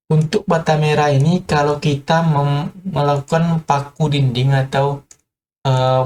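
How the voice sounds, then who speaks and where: A man's voice: on the high side, a little mellow. A man giving an informal tutorial on construction, talking hesitantly with many filler sounds and addressing viewers as friends. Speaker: construction explainer.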